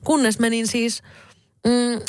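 A young woman from Finland co-hosting a podcast, chatting quickly and lively with casual fillers. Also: on the high side, no echo, studio quality. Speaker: podcast co-host. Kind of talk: casual chat.

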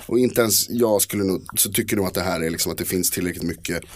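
A man's voice: low-pitched, slight background noise. A man in casual podcast chat, talking hesitantly with many fillers and restarts. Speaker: podcast co-host.

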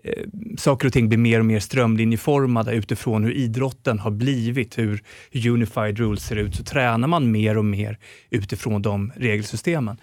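A man's voice: fairly low pitch, steady tone, darkish tone, no echo, clean studio sound. A middle-aged man co-hosting a podcast, explaining his views at length in a casual chat, firm and full of restarts. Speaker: podcast co-host.

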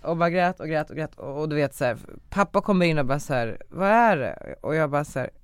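A man's voice: on the high side, clear, resonant tone, no room sound, clean studio sound. A young man, a guest and author, telling a personal story in casual conversation with many fillers.

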